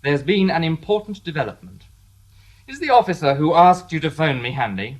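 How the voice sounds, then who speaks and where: A man's voice: on the high side, very animated, normal speed. An actor playing a shrewd police detective inspector in a radio drama, dry and sardonic, needling the people he questions with excessive politeness.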